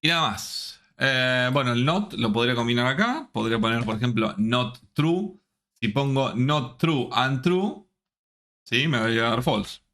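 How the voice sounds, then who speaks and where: A man teaching a programming class online. He speaks slowly and deliberately, with a voice of middling pitch, and keeps checking that the students are following along. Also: animated, pushed and bright. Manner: slow, checks in often with the students.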